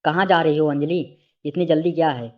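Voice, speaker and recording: Guy reading as a creepy mocking uncle, cold voice, kinda high, muffled audio. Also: steady tone, a little fast, close to an everyday voice. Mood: cold menacing. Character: menacing middle-aged male family friend villain.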